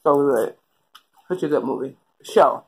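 A woman's voice: extremely low pitch, measured pace, a little mellow, slightly rough. A woman chatting casually in an eating vlog, talking between bites with her mouth partly full. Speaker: vlogger.

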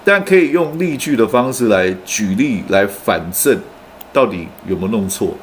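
Lively man teaching pronunciation. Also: fairly low pitch, slight background noise. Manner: explains patiently with frequent "oh" fillers, then models words slowly. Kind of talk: online pronunciation lesson.

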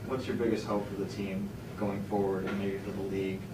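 A man's voice: on the low side, level tone, fairly quick. A man, a sports reporter, asking plain, level questions at a post-game press conference. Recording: echoey room, distant mic, background noise.

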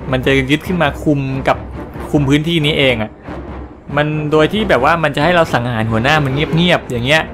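A man casually commentating a video game he plays, explaining and translating the story and reacting excitedly to fights. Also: a little high, fairly quick, background noise. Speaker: gaming channel host. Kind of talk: casual let's-play commentary.

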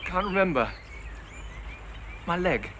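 An actor playing a dazed, hesitant male stranger in a horror film, speaking haltingly. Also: high-pitched, animated. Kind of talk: film acting. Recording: noisy film soundtrack, outdoor birdsong.

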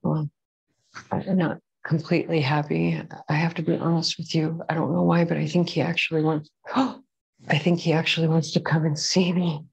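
Low-voiced woman giving a chatty tarot reading. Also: flat delivery, moderate pace, vocal fry, a little mellow, husky, highs cut off. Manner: chatty and rambling, apologetic asides. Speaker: tarot reader. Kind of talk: casual pick-a-card reading. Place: at home with a pet bird.

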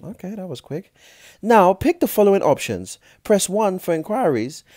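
A woman playing a brisk, cheeky automated helpline menu in a comedy skit, with sing-song scripted politeness. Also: on the low side, big pitch swings, dark tone, no echo, studio quality. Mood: brisk polite. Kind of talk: comedy skit, mock recorded announcement.

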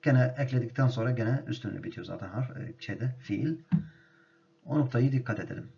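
A man teaching an Arabic grammar lesson, speaking slowly and deliberately and repeating each word so it can be drilled. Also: medium pitch, creaky, warm tone, lo-fi sound.

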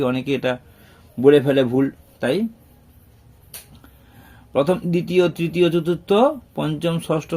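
A man gives a classroom lesson for young children. His voice sits a little high, and he repeats and counts items aloud slowly and patiently. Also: a little mellow. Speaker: primary school teacher.

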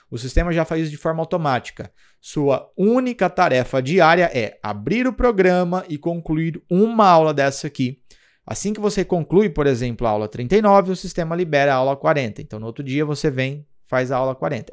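Brazilian man explaining an app step by step. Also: on the high side. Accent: Brazilian Portuguese. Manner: patient, explanatory, checks in with "tá?" and "olha só". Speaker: English teacher. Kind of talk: screen-recorded app tutorial.

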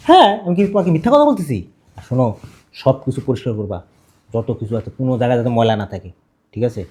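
A man's voice: mid-range voice, huge pitch swings, very fast, mellow. A young man playing an eager son-in-law who bosses the household around with instructions in a web drama. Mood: bossy. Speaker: actor. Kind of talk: low-budget web drama acting.

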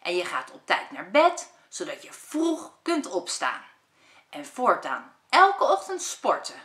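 A woman voicing a bossy, sporty boy who lectures his brother about healthy living, in a loud, lively way. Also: lowish voice, takes it slowly, full character voice. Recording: echoey room.

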